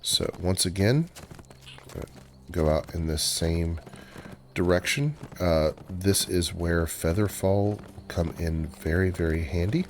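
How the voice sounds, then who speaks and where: A man with a very deep voice talks through a video game as he plays it. His commentary is relaxed and explanatory, broken by frequent filler pauses. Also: a little hiss or hum. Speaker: game walkthrough host. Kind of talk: casual gameplay commentary.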